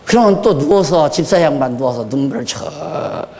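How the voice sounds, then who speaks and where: An older man preaching a sermon in a church, moving between quiet asides and fiery, shouted questions. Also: a little high, lively intonation, normal speed, creaky, big-room sound. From Korea. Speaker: pastor. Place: church hall.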